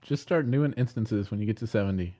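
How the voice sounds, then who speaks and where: A man's voice: fairly low pitch, a little fast, dark tone. A man with a Southern US accent chats casually as a podcast co-host, rambling and joking. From Southern United States, Arkansas. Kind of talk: casual chat.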